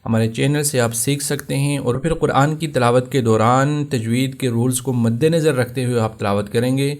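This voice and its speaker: A man with a Pakistani Urdu accent teaching Tajweed, explaining common mistakes and then reciting verses slowly and drawn out. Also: mid-range voice, steady tone. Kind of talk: Tajweed lesson.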